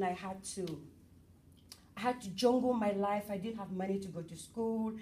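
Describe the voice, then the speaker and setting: A middle-aged woman from Cameroon speaks to an event audience in a bubbly, chatty way. She sits at a medium pitch, and her voice comes from a little way off the mic. Faint room noise runs underneath. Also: mellow, far from the mic. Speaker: motivational speaker. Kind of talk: public talk at an event.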